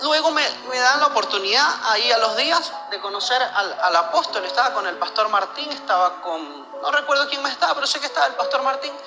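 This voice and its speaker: A man from Venezuela, giving a personal religious testimony in an earnest, halting way, often repeating words. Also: extremely high pitch, animated, in a large hall, over music.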